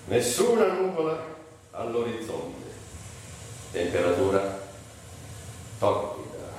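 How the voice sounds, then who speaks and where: A man performs a brooding, theatrical literary monologue for radio, speaking in broken phrases with dramatic swings. His voice is medium-pitched and a little mellow. The recording sounds distant in a very echoey room, with faint noise.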